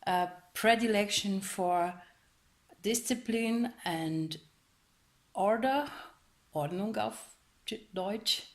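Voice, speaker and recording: A woman gives a personal account in slow, careful English. She pauses often and searches for the right words. Her voice sits in a middle pitch. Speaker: interviewee. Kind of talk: personal testimony to camera.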